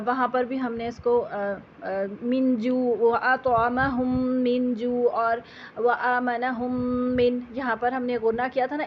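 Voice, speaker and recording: A woman teaching tajweed, patiently explaining letters and reciting Quranic verses slowly. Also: on the high side, highs cut off, a little hiss or hum.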